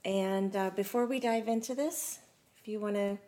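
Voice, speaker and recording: An excitable woman hosting a live-streamed talk show, her voice in the middle of the female range. She talks in a bubbly, chatty way, running through welcomes and announcements. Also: mid-range voice, moderate pace. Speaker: host. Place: studio room.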